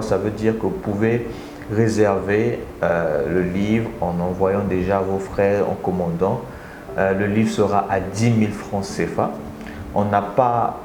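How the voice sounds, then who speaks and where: Low-voiced man hosting a live stream from an echoey office. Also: noisy background. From Republic of the Congo. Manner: energetic, repeats phrases, addresses viewers directly. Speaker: live stream host and speaker. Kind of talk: casual live stream talk to viewers.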